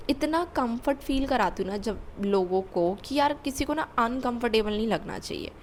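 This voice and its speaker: A woman's voice: on the high side, slight background noise. Candid young woman telling a personal story. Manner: candid, confessional, with emphatic repetition. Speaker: vlogger.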